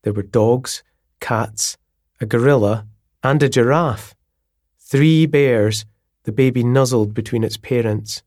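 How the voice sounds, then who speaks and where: A man reading a novel aloud in a measured, descriptive storytelling manner. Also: medium pitch, a little mellow, dry recording, studio quality. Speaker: audiobook narrator. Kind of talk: scripted narration of a novel.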